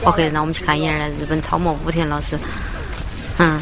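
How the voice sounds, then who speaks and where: A woman's voice: low voice, level tone, fast talker, crowd noise. A young woman with a Chongqing accent, chatting casually and teasingly with viewers during a livestream. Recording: faint music behind.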